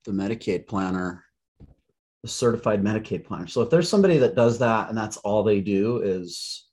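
A man in his forties with a fairly low voice co-hosts a podcast about legal matters. He chats loosely and drops in dry, joking remarks. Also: fairly quick, a little mellow, breathy edge. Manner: joking, wry asides. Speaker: podcast co-host, attorney. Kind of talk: casual chat.

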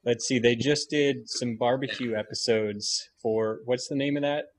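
A man's voice: mid-range voice, steady tone, normal speed, slight background noise. A man in a casual podcast roundtable, easygoing and thinking aloud. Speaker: podcast co-host.

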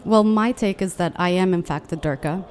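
A young woman from Yemen co-hosting a live radio talk show in a hotel studio, chatting candidly and telling animated stories. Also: lowish voice, moderate pace. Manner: candid, animated storytelling with quoted voices. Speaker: podcast co-host. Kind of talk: casual radio chat.

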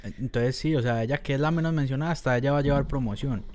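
A man's voice: medium pitch, quick pace, a little mellow, slight background noise. A man chatting casually as a podcast co-host. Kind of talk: casual chat.

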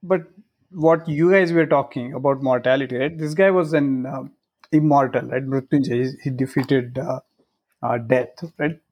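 A middle-aged man from Maharashtra, a native Marathi speaker with a Marathi Indian accent, chatting casually in a halting way and often checking in with "right?". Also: mid-range voice, fairly even intonation, darkish tone. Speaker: podcast participant. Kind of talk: casual chat.

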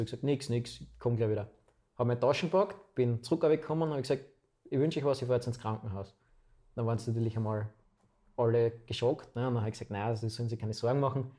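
A man in his twenties with an Austrian accent, telling his own story as a guest in a casual, chatty interview. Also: mid-range voice. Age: 20s. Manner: chatty, relaxed anecdotal storytelling.

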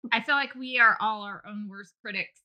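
A woman's voice: mid-range voice, normal speed, lo-fi sound. A woman hosting a podcast, asking direct, friendly questions. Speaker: podcast host. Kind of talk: casual interview.

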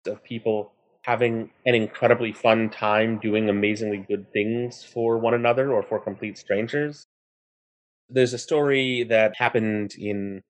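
A man telling a story in an interview, animated and acting out the people in it. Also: on the low side. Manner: animated, acts out characters in the story.

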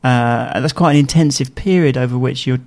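A man's voice: mid-range voice, fairly quick, darkish tone. A man interviewing a guest, asking loose, rambling questions in an easygoing way.

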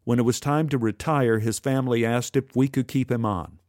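A man playing a stern middle-aged uncle who is also his boss, firm and measured. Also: mid-range voice, a little mellow, no room sound, studio quality, close to an everyday voice.

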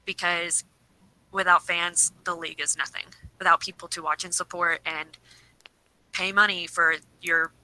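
A woman's voice: fairly low pitch, fairly even intonation, moderate pace, pushed and bright, low-quality recording. A woman co-hosting a podcast, talking in an earnest, pleading way, her voice a little shaky from shivering in a cold room. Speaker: podcast co-host. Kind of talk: casual chat.

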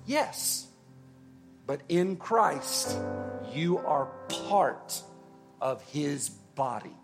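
Pastor, male, mid-range voice, very slow and deliberate sermon delivery, soft music bed behind. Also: on the high side. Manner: slow, earnest preaching with long pauses and soft drops in volume.

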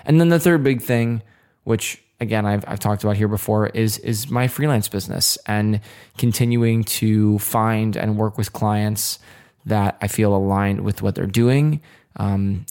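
A man's voice: on the low side, a little mellow, clean tone. A man hosting his own podcast, talking to listeners in a casual, earnest, rambling way with plenty of fillers and restarts. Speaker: podcast host. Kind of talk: casual solo podcast monologue.

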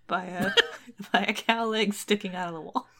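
A woman's voice: medium pitch, fairly even intonation, normal speed, fairly bright tone. A woman co-hosting a podcast, reading a folktale aloud with casual asides and frequent laughter. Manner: laughs often, chatty asides. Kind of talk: casual read-aloud with commentary.

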